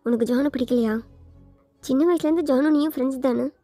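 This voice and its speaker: A woman voicing a caring older sister who reasons gently and persuasively, in a storybook fan fiction reading. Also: high-pitched, fast talker, dry recording, faint music behind.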